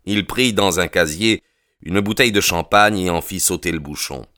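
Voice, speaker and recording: A man narrating an audiobook in a measured, expressive reading style. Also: sits low, dry recording, clean studio sound. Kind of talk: scripted narration.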